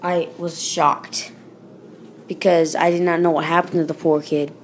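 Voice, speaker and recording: A woman's voice: lowish voice, flat delivery, measured pace, a little hiss or hum. A woman telling a creepypasta in a casual, unscripted way, with fillers and self-corrections along the way. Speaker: storyteller. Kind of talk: casual spoken creepypasta reading.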